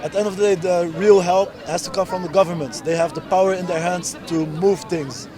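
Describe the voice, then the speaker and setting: This man's voice sits high with fairly even intonation, and he talks fairly quickly. He is in his twenties, from the Netherlands, and answers an interviewer at a street protest with earnest, emphatic bursts of short, insistent phrases. Loud protesters fill the outdoor recording.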